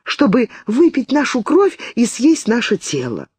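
A woman's voice: a little high, wildly swooping pitch, measured pace, a little mellow, breathy edge, no room sound, voice pushed up, full character voice. A woman reading an audiobook, voicing a terrified twenty-year-old girl who pleads frantically between sobs. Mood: panicked.

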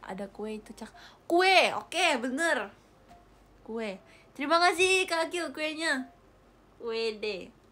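Giggly high-voiced young woman streamer. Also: expressive, slow, long pauses, pushed and bright. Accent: Indonesian. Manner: giggly, playful, chatty. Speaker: idol live streamer. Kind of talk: casual chat reading viewer comments. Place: indoor room, air-conditioned. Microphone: phone or webcam livestream.

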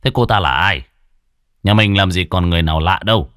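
A man's voice: deep voice, fairly quick, a bit bright, clear, resonant tone, no room sound, studio quality. A man voicing a stern middle-aged farmer father who questions sharply.

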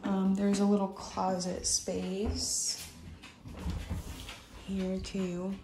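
A woman's voice: medium pitch, completely flat delivery, very slow, noisy background. A young woman giving a casual, rambling house tour, filming on a handheld phone indoors. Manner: rambling, filler-heavy, coos to her dog. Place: small new house, indoors. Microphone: handheld phone camera.

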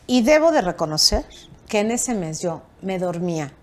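A woman's voice: fairly low pitch, moderate pace. An older woman with a Mexican Spanish accent, a TV producer telling anecdotes in an interview and acting out the dialogue. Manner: animated, acts out quoted dialogue with raised voice and laughter. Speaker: television producer, interview guest.

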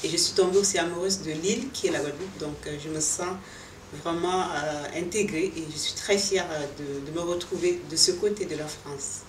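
A woman's voice: lowish voice, normal speed, slight background noise. Hesitant Cameroonian-born woman, echoey boutique. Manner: hesitant, many fillers and restarts, earnest. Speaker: fashion designer and boutique owner. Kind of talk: casual interview answers. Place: indoor boutique, seated. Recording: echoey room, voice from a distance, music underneath.

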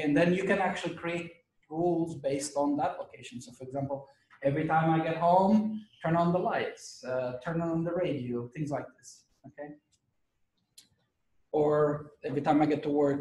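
A man lecturing a class while losing his voice and clearing his throat, talking conversationally and checking in with his students. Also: fairly high pitch, darkish tone. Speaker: university lecturer. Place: lecture room. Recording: echoey room, mic at a distance.

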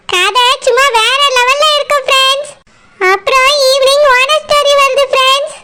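A woman's voice: very high-pitched, bright, forceful tone. A woman hosting a cartoon channel, chatting eagerly to her viewers to promote new stories. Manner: chatty, enthusiastic. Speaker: channel host.

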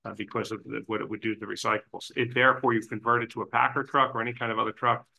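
A man's voice: medium pitch, little pitch movement, rapid-fire, creaky, pushed and bright. A man giving informal, explanatory background at a town council meeting. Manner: explanatory, informal, restarts often. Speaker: waste industry advisor. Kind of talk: public meeting discussion. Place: council chamber.

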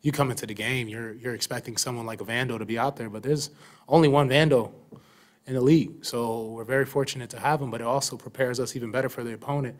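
At a postgame press conference, a young basketball player answers reporters through a desk microphone in the press room. His medium-pitched voice moves fast, and he sounds relaxed and thoughtful, filling his answers with lots of "um"s and "you know"s.

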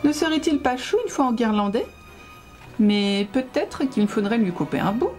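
A woman's voice: fairly high pitch, animated, moderate pace, darkish tone, soft background music, voice pushed up, close to an everyday voice. A woman reading aloud and voicing a cheerful young maid in a storybook. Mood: chirpy. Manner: chirpy.

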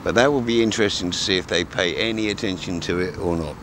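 Talking fast in a low, fairly bright voice, a man fishing from a grassy riverbank beside calm water chats to the camera for his vlog, full of fillers and restarts. Picked up by a camera mic a few metres off, he's often turned away, with slight background noise behind him.

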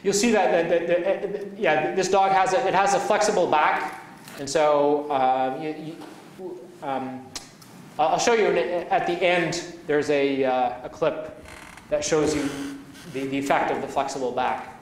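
A man giving a university lecture, halting and restarting often with many fillers as he explains his work. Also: a little high. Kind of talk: academic lecture. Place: lecture hall. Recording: echoey hall, from far off, faint noise.

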